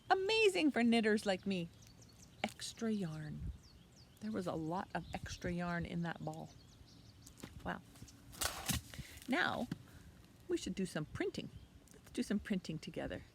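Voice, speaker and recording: The recording, made outdoors by a leafy hedge, picks up faint noise as a middle-aged woman reads a picture book and gives young children a lesson. Medium in pitch, she keeps her language simple and expressive and poses questions to the kids.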